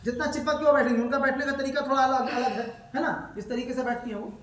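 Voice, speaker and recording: A man teaching step by step how to pray, repeating points, asking his student questions, and chanting the prayers slowly. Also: very high voice, fairly even intonation, fairly bright tone, slight background noise. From India. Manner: slow melodic chanting of prayers. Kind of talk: step-by-step prayer lesson with recitation. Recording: echoey room, voice from far off.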